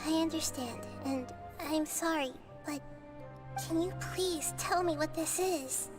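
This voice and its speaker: A woman voicing a small child goddess in a video game, wise, gentle, polite and articulate. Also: high-pitched, measured pace, over music. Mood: apologetic, curious.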